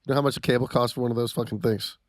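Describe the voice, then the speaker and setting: A man with a Philadelphia accent co-hosting a podcast, talking in casual banter, animated and stammering as he defends himself, swearing freely. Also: medium pitch, very fast, dry recording, studio quality. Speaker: podcast co-host, drummer. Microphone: headphones and studio mic.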